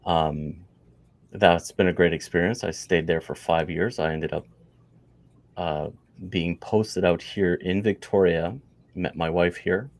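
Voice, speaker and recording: A Canadian man in his forties speaks as a podcast guest, his voice sitting very low. He rambles casually, circling back with fillers and restarts as he tells his story. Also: steady tone, unhurried. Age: 40s. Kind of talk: casual interview chat.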